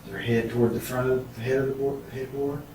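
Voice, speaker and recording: A man's voice: mid-range voice, level tone, fairly quick, crowd noise. A man questioning someone as a police interrogator, methodical and probing, repeating answers back. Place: echoey interrogation room, far mic. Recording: echoey room, distant mic, heavy noise.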